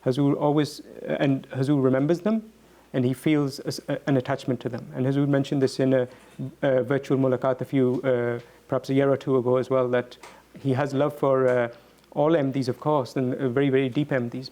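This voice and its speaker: A man speaking reflectively as a guest answering questions, earnest and halting, often repeating words as he goes. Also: medium pitch, level tone, mellow.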